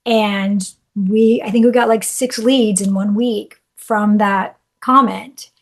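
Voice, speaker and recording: A woman's voice: mid-range voice, steady tone, slow. A woman guest in a casual interview, talking earnestly and encouragingly, with frequent fillers. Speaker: interview guest, law association chapter director.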